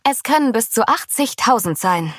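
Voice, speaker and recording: A cheerful, proud beekeeping woman, voiced by a female storyteller. She talks brightly and lively, lifting her pitch. The recording is dry and close. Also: normal speed, no room sound.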